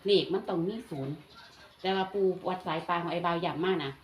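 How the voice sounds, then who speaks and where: A woman's voice: on the low side, quick pace, roomy sound, slight background noise. Isan-accented woman telling a dream story. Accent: Isan Lao. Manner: lively, animated retelling with quoted voices. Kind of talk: casual storytelling about a dream.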